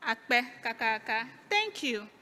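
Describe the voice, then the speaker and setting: Slow, high, bright Ghanaian woman at a podium. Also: big pitch swings, very noisy. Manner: emphatic, deliberate rhetorical phrasing. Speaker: speaker for a youth foundation. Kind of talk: formal podium speech. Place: large indoor hall. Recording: echoey hall, long reverb.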